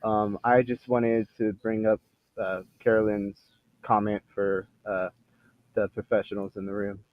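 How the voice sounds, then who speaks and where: A man with a lowish voice speaks hesitantly on a casual group video chat. His voice comes through a tinny, phone-like line. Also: flat delivery, measured pace. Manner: hesitant, quiet.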